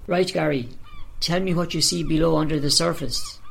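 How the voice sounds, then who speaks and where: A man's voice: fairly high pitch, moderate pace, creaky, voice pushed up. A man voicing a patient grown male gannet father who coaches his chick in a children's story. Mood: coaching. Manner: coaching, mildly exasperated.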